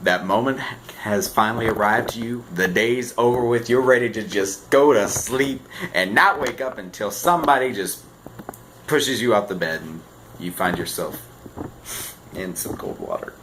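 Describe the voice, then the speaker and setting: Teen male vlogger, low-ish voice, self-deprecating comic delivery, faint background ambience. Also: normal speed, noisy background. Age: teens. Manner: animated, self-mocking, jumps between loud and quiet. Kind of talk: casual comedic vlog. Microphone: camera on a shaky stand.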